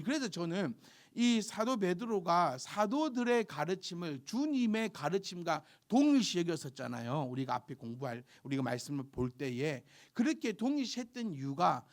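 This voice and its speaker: A man preaching a sermon, emphatic and exhorting, breaking into soft asides. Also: high-pitched. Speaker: pastor.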